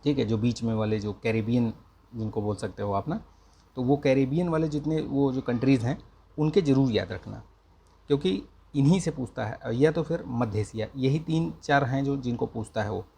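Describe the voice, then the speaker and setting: A man teaching an exam-prep lesson, speaking slowly and carefully and checking in with the listener again and again. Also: mid-range voice, gravelly, mellow, a little hiss or hum. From India. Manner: slow, careful speech with repeated check-ins. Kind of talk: casual exam-prep lecture.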